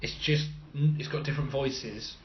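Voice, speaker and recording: A man in a loose, sweary casual chat, scornful and quick to laugh. His voice sits mid-pitch, with faint background noise. The recording is slightly muffled. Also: fairly even intonation. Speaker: podcast co-host.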